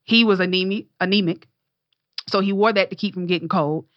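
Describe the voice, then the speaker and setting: A woman's voice: medium pitch, brisk, no echo, dull audio. A young adult woman and entertainer, telling a story in casual talk with passionate, blunt, profane energy. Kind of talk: casual talk show conversation.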